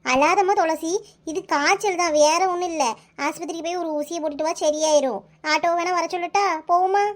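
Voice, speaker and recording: A kindly but bossy older village woman in a cartoon, scolding and reassuring at length in a Kanyakumari Tamil accent, as a woman voices her. Her voice is pitched extremely high. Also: steady tone, fairly quick.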